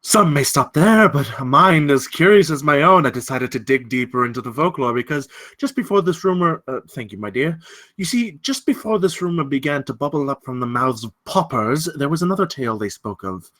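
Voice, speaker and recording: At a script table read, an actor voices a menacing yet courteous gentleman villain spinning his tale slyly. His phrasing is deliberate, ornate and theatrical. His voice is a little high, with lively intonation.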